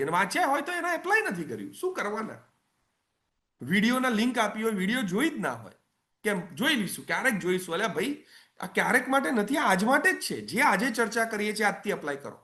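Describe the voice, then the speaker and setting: Animated parenting coach. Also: male voice, high-pitched. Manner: conversational, coaxing, repeats phrases for emphasis. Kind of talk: webinar talk.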